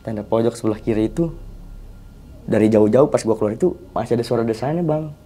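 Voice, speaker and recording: A young man, a podcast guest casually telling a story in slangy, animated chat. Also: medium pitch, fast, faint music behind. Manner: animated, slangy, often addresses the host as 'Bang'.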